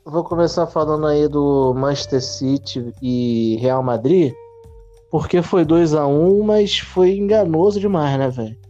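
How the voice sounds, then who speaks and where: A man's voice: fairly high pitch, a little slow, warm tone, faint music behind. Brazilian man on a muffled call line. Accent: Brazilian Portuguese. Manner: joking, slangy banter. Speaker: podcast co-host. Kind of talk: casual football chat. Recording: dull lo-fi call audio.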